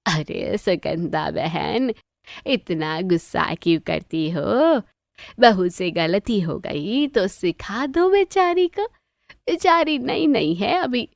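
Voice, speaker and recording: A woman's voice: mid-range voice, expressive, slow, creaky, no echo, clean studio sound. A woman voicing a meddling, gossipy middle-aged neighbour aunty in a cartoon story, teasing in tone.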